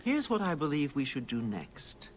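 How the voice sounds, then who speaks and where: An actor playing a devoted, deferential servant and guide of assassins in a video game, speaking formally and reverently. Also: male voice, a little high, wildly swooping pitch, moderate pace, a little hiss or hum. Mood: earnest, instructive. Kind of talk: video game character acting.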